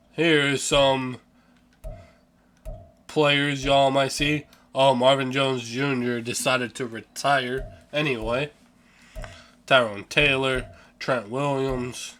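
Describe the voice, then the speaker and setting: A young adult man hosting a gaming channel offers casual, offhand commentary over a sports video game, yawning and sleepy, occasionally swearing and stumbling over names. His mid-range voice is bright and forceful, with a clean tone.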